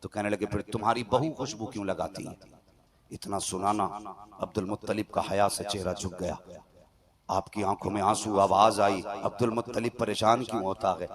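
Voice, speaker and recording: A man's voice: lowish voice, fairly even intonation, fairly quick. A man preaching a sermon, telling a story to a live gathering and rising into dramatic outbursts. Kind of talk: Urdu-Hindi religious sermon. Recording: crowd noise at a live gathering. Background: crowd of listeners.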